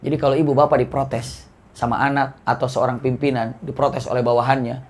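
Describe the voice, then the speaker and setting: A young man, preaching a sermon as an animated storyteller who swings his pitch and loudness. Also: brisk. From Indonesia. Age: young adult.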